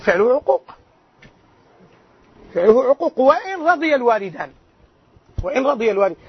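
A loud-voiced man teaching a religious lesson as a sheikh, quizzing his listeners with rhetorical questions. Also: extremely high pitch, sing-song, fast talker, breathy edge, no echo. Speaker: sheikh teaching a hadith class. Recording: dull lo-fi lecture recording.

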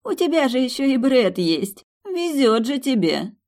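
Brief: woman playing bubbly airhead friend, high and lively, sing-song. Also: a little slow. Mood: giddy. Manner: excited, stumbles over long words. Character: giddy, scatterbrained young woman friend.

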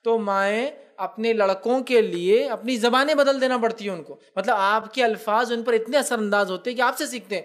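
High-voiced man giving a religious talk. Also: hardly any pauses. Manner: acts out quoted family members in lively asides. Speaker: Islamic speaker. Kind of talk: religious talk on raising children.

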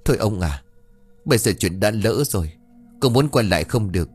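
A man's voice: lowish voice, lively intonation, fairly quick, slightly rough, soft background music. A man voicing an older village aunt, speaking in a raised, pleading way. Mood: soothing.

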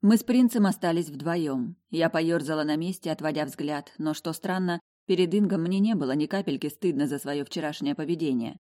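A woman's voice: low-pitched, normal speed, hardly any pauses, warm tone. Woman narrating a fantasy audiobook. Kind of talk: first-person audiobook narration.

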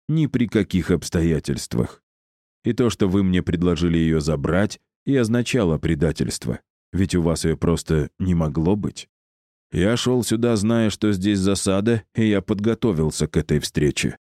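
A man's voice: low-pitched, dark tone, no room sound, clean studio sound. A man voicing an arrogant, cruel male necromancer who mocks and insults his captives. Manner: mocking, condescending, insulting.

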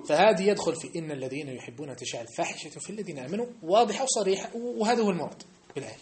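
A man giving a mosque study-circle lesson, animated and emphatic, often checking that his listeners understand. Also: fairly high pitch, rapid-fire, a crowd in the background. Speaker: religious teacher. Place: mosque hall.

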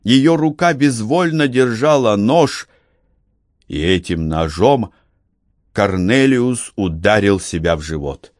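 A male narrator reads a novel in a low voice at a very unhurried pace. His delivery is measured and steady. The recording is dry and close, with no room sound. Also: dry recording. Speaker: audiobook narrator. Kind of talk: scripted narration.

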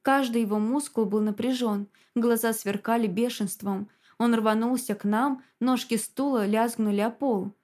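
A woman's voice: on the high side, fairly even intonation, normal speed, hardly any pauses, darkish tone. A woman reading a dramatic first-person audiobook story in a tense manner. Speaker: audiobook narrator.

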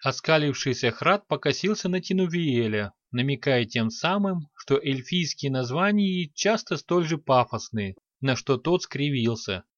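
A man's voice: on the high side, lively intonation, unhurried, hardly any pauses, fairly bright tone, no echo. Brief: man reading fantasy narration evenly, lo-fi dry audio. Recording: dull lo-fi dry recording.

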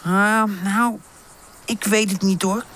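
A woman's voice: mid-range voice, fairly even intonation, takes it slowly, a bit bright, slight background noise, pitched above the performer's own voice. Woman doing an anxious little puppy boy. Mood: nervous. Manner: worried, whispery and hesitant.

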